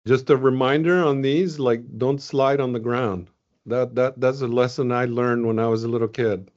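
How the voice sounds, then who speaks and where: In a casual webinar, a Venezuelan man shares his research findings, speaking loosely with frequent ums and restarts. The video-call audio is muffled, and his voice is mid-range and darkish, with fairly even intonation and a moderate pace.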